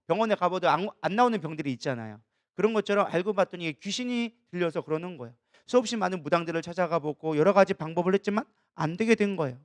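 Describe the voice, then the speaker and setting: Fast-talking male preacher, dry sound. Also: sits high, no room sound. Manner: lively preaching with rhetorical questions. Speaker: pastor. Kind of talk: sermon.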